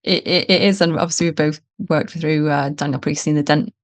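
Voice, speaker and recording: Low-voiced woman hosting a podcast. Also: fairly quick, dry recording. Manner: brief affirming interjections, relaxed. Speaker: podcast host. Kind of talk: conversational interview.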